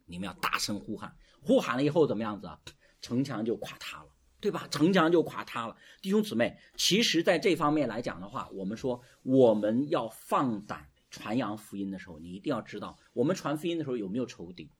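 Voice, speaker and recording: Husky, animated male preacher. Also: mid-range voice, fairly quick. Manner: animated, drawing call-and-response from the congregation. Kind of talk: sermon.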